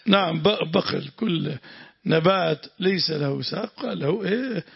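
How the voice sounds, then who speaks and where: A man's voice: on the high side, unhurried, vocal fry, husky. A man with a Lebanese accent teaching Quran exegesis, explaining points and quizzing his students as the text is read. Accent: Lebanese Arabic. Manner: explains and quizzes the students, repeating words after the reader. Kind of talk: classroom commentary on a read text. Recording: dull lo-fi lesson recording.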